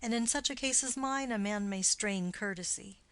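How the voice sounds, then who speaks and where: A woman's voice: medium pitch, normal speed, no room sound, close to an everyday voice. A woman reading a playful young lover. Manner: courteous, playful banter. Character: playful young male lover trading jests. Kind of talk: audiobook play reading.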